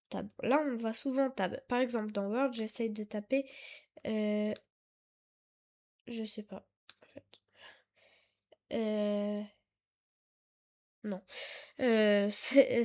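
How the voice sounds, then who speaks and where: Woman tutorial host, unhurried and halting, mellow slightly high voice, apologetic, drifts off the desktop mic. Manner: hesitant, halting, full of fillers and self-corrections; apologetic and chatty. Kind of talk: casual screen-recorded tutorial. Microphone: desktop mic, sometimes too far away.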